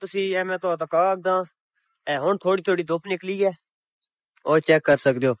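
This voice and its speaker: In a casual village vlog shot on a phone held at arm's length, a young Pakistani man in his twenties talks chattily to viewers he addresses as the public. His voice is high with a Punjabi accent, at normal speed, and he is recovering from a sore throat. He is outdoors in open countryside on a cloudy, windy day.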